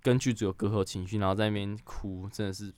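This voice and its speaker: A young man in his twenties with a Taiwanese Mandarin accent, a guest director telling stories in a halting way, repeating words and laughing as he goes. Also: on the low side, steady tone, a little mellow, no echo, clean studio sound. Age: 20s. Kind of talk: casual podcast storytelling.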